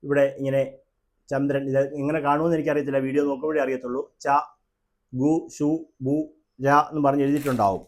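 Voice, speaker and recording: A man who is a temple priest and astrologer, speaking with a Kerala Malayalam accent and explaining a horoscope slowly, counting houses aloud and answering his own questions, in a room with a fan running. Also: mid-range voice, steady tone, mellow. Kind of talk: astrology lesson to camera.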